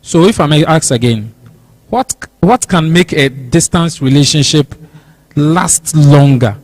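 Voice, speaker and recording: A man's voice: fairly high pitch, animated, measured pace, a little mellow, no room sound, poor audio. A man with a Ghanaian accent hosting a church talk show, asking questions and repeating himself. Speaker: host.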